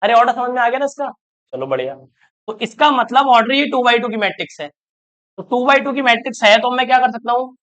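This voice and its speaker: This math teacher's voice is very high-pitched and a bit bright, moving briskly with lively intonation. Giving an online lecture, he narrates every step, counts terms out loud, and constantly asks his students whether they're keeping up.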